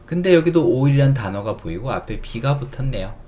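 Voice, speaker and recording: A man teaching English phonics, sounding out letters slowly and explaining words with everyday examples. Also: mid-range voice, expressive, warm tone. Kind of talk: phonics lesson.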